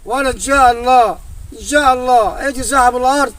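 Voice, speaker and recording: An actor playing a poor, gentle Egyptian village father who speaks in a pleading, sighing way and keeps calling his son. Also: very high voice, steady tone, quick pace, recorded from a distance. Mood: sorrowful. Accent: Egyptian Arabic. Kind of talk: amateur drama acting.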